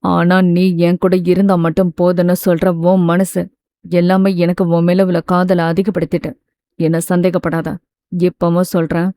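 A woman voicing an intense, stern young man in a romance audiobook, speaking low and pressing. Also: warm tone, no room sound, studio quality, close to an everyday voice.

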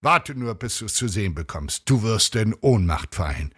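A man's voice: lowish voice, expressive, normal speed, fairly bright tone, breathy edge, voice pushed up. A man playing a self-satisfied, teasing middle-aged husband in a read short story.

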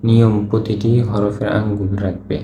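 Low flat-voiced man teaching Quran letters. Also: moderate pace. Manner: patient, repetitive drilling of letter sounds. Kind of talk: recorded online lesson. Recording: echoey room, faint background noise.

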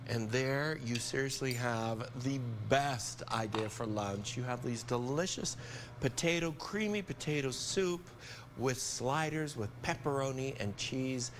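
Unhurried and cheerful, an older chef guides viewers through a dish on live television from a studio kitchen. His mid-range voice comes through with a little hiss or hum, and his enthusiasm stays high.

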